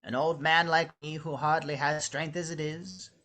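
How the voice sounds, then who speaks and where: An actor playing a suspicious, self-pitying old evil scientist in a script read-through, imperious and guilt-tripping. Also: male voice, on the high side, level tone, normal speed, bright, forceful tone. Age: older.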